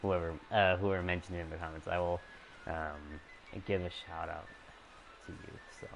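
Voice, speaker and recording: A young man streaming a game, talking casually in a quiet, hesitant way with many fillers and restarts. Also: low voice, steady tone, normal speed, creaky, heavy background noise.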